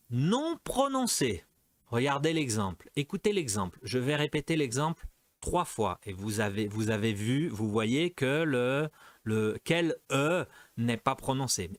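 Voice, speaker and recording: A man teaching a French lesson, repeating each example several times and slipping into quick Portuguese asides. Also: mid-range voice, dry recording. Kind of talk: explaining a language lesson.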